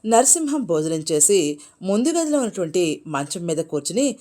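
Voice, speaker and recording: Woman narrator for a folk tale, lower voice, lively and expressive. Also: moderate pace. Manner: expressive, animated reading. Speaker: storyteller. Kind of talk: storybook narration.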